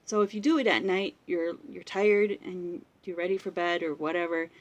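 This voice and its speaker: A woman's voice: fairly low pitch, moderate pace. A woman in her thirties, a mother and blogger, talking casually and rambling to viewers on a live stream, laughing often and drifting off topic. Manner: chatty, rambling, laughs often, goes off on tangents. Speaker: blogger hosting a Facebook live.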